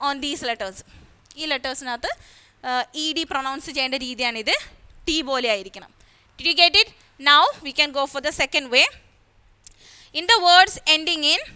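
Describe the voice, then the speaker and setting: A school English teacher with a Malayali accent explains a lesson step by step for children, repeating key words and asking questions. Her voice is high with a sharp tone.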